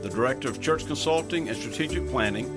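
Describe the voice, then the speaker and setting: A man's voice: medium pitch, lively intonation, fast talker. Man reading a podcast intro over music. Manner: polished, read-aloud delivery. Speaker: podcast host.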